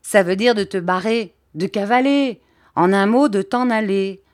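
A woman's voice: medium pitch, measured pace, darkish tone, dry recording, studio quality, lightly acted. A woman doing a stubborn slangy man. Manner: blunt, colloquial, emphatic.

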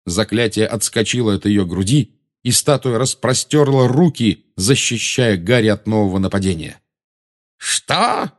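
A man narrating an audiobook with an expressive, dramatic reading. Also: lowish voice, normal speed.

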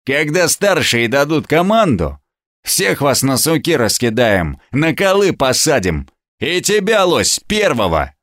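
A man's voice: mid-range voice, big pitch swings, measured pace, fairly bright tone, dry recording, studio quality, voice pushed up. A man voicing a hostile, scornful gang leader who snarls threats in a menacing way. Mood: snarling threat.

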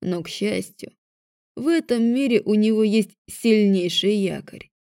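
A woman's voice: medium pitch, a little slow, dark tone, no echo, clean studio sound, natural voice. Woman doing a weary stern dragon rector. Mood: instructive. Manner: tired, lecturing.

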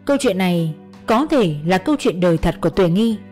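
A woman narrating a first-person crime audiobook in a calm, measured manner. Her voice is dark and mellow, with faint music playing underneath. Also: fairly low pitch.

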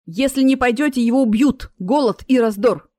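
A woman voicing a chatty, fussy older cat owner who talks excitably. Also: fairly high pitch, moderate pace, no room sound, lightly acted.

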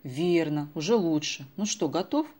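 A woman's voice: low voice, expressive, normal speed, a little mellow. A woman reading the lines of a polite, slightly flustered middle-aged man in an audiobook. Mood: teasing.

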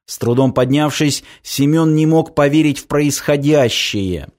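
A man narrating a dark action story in a measured, even scripted reading. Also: a little high. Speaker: audiobook narrator.

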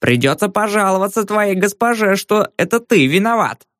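A man's voice: high-pitched, lively intonation, normal speed, a bit bright, dry recording, clean studio sound, pitched above the performer's own voice. A male audiobook narrator voicing a cheeky, cunning old peasant woman trader. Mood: sly, insistent. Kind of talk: audiobook character voice.

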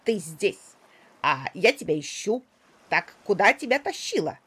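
A woman's voice: medium pitch, sing-song, unhurried, a bit bright, husky, heavily acted. A woman voicing a practical, bossy male parrot who speaks in a firm, commanding way. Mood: matter-of-fact, bossy.

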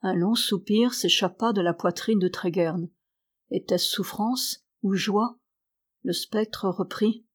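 A woman narrating a novel in an audiobook, reading in a measured way. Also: medium pitch, breathy edge.

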